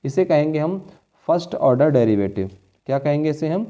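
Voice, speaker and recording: A man's voice: on the high side, animated, a little fast, dark tone. A man teaching a board-exam maths lesson, explaining each step patiently and checking in with his students often. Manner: addresses students as children.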